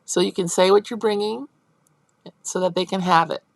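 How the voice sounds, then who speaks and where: A woman instructor lectures a college class on early childhood teaching, walking through ideas step by step and checking in with students. She acts out teacher and child lines in a high, animated voice, speaking at normal speed with a gravelly quality on a dry recording.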